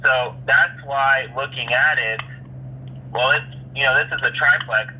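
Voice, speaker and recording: A man's voice: medium pitch, steady tone, unhurried, bright, forceful tone, breathy edge, dull audio. A man talking business in a phone conversation as a real estate agent, often restarting his phrases as he explains things.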